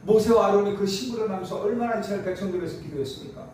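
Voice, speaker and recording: Male pastor, high mellow voice, emphatic conversational preaching, distant mic in a very echoey church hall. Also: rapid-fire, slight background noise. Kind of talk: sermon. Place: church sanctuary.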